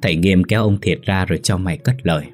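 A man narrating a ghost story in a steady, measured scripted telling. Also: low-pitched, soft background music.

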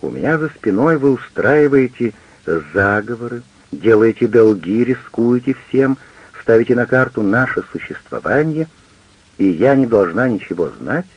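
A man with a gravelly, husky voice voicing an indignant, hurt middle-aged wife who argues with her husband in an audiobook. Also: mid-range voice, lively intonation, moderate pace, dry recording, muffled recording. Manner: reproachful, heated, pleading.

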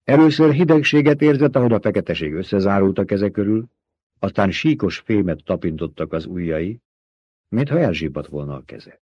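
A man narrating an audiobook in an expressive, dramatic reading, in a dull lo-fi audiobook recording. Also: lowish voice, husky, dry recording. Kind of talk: scripted narration.

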